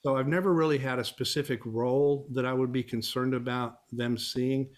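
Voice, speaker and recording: Middle-aged man from Texas, easygoing interview guest, mid-pitched voice. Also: steady tone, moderate pace. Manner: easygoing storyteller, chuckles while talking. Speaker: guest, family law attorney and actor. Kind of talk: casual interview conversation.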